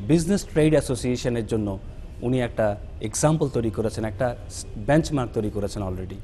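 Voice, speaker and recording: A man speaking in a mellow, measured voice during an interview. He offers an admiring testimonial. Faint noise sits behind him. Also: medium pitch, animated. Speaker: colleague giving a testimonial.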